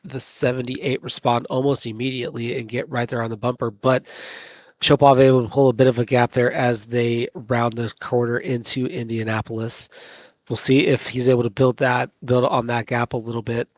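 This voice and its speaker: A male race commentator calling a long sim race live, enthusiastic and a little sleepy, who often repeats words when excited. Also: medium pitch, moderate pace, no room sound. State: sleepy late in a long broadcast.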